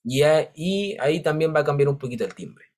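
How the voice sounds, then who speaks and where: A man's voice: fairly high pitch, expressive, a little fast, a little mellow. Male teacher explaining with constant check-ins. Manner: explanatory, checks understanding with frequent "¿ya?". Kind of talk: online class lecture.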